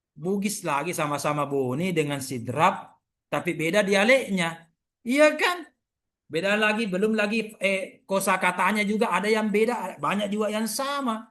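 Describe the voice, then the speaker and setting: A man from the region lecturing over a video call. He talks in a lively way, repeats examples and keeps asking his listeners to agree. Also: extremely high pitch. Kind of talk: online university lecture.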